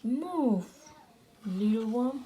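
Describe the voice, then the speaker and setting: A woman reading a picture book aloud to children, switching between two languages line by line and making lively sound effects. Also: on the high side, drawn-out words, slight background noise. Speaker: children's storyteller.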